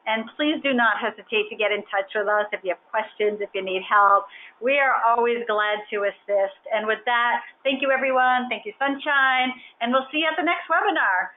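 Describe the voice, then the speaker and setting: A woman's voice: on the high side, normal speed. A woman hosting a webinar Q&A over a video call, explaining at length in a friendly way. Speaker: webinar host. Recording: phone-like band, faint hiss.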